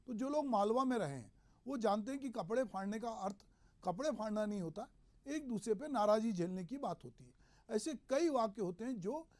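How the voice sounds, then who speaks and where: A man hosting a news show, giving measured, explanatory commentary on politics. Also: sits high, a little mellow. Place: regional news studio.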